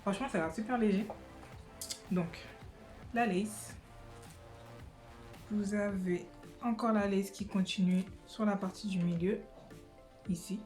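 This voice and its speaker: A woman's voice: mid-range voice, steady tone, unhurried, long pauses, a little mellow, faint music behind. A young woman chatting casually in her living room during a wig try-on vlog, hesitant and full of fillers and restarts. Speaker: beauty vlogger.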